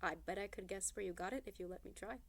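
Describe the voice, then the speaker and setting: A woman voicing a shy but self-assured nerdy teenage boy in a read-aloud novel, speaking in a calm, measured way. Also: mid-range voice, gravelly. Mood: confident.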